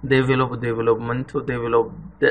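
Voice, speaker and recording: A man teaching English vocabulary in an Egyptian Arabic accent, reading each English word and then giving its meaning in a steady, methodical way. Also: mid-range voice, slow pace, a little hiss or hum, poor audio.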